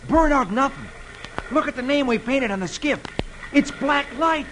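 A man voicing an eager young boy who exclaims excitedly about painting his boat, in a noisy old radio recording. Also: high voice, moderate pace, voice pushed up.

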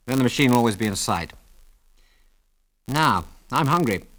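A man doing a brisk, commanding pilot. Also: medium pitch, lively intonation, a bit bright, natural voice. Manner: clipped, decisive and commanding. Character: brisk, confident male pilot and leader. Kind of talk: audiobook character voice.

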